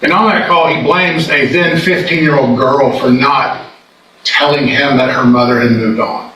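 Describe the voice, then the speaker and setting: Speaking as a prosecutor, a man gives his closing argument with emphatic condemnation, his mid-range voice steady, bright and forceful at a moderate pace. It's recorded inside an echoing courtroom through a far-off microphone, with noise in the background.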